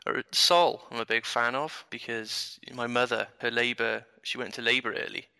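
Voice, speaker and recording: A man's voice: mid-range voice, steady tone, moderate pace, vocal fry, sharp tone, clean tone. A man hosting a podcast in casual chat, jokey and chatty with lots of fillers. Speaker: podcast host.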